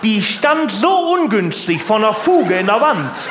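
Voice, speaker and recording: A comedian voicing a loud, blunt older working-class man who keeps tacking on short questions. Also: big pitch swings, unhurried, reverberant, very noisy. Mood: mocking. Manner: blunt, tag questions, jumps in pitch. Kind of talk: stand-up routine and prank call.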